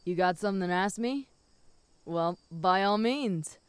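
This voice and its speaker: Flirty, smooth-voiced female werewolf, acted by a woman. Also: mid-range voice, measured pace, dry recording, natural voice. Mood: relaxed, reflective. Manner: flirty, teasing, with soft chuckles. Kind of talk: intimate audio role-play to the listener.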